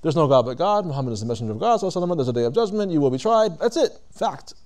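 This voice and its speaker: Male lecturer, somewhat high voice, relaxed talk-style religious lecture, asks the room questions, rephrases as he goes. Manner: conversational, poses questions to listeners; deliberate, stops to rephrase. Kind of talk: reflective Islamic lecture to a live audience.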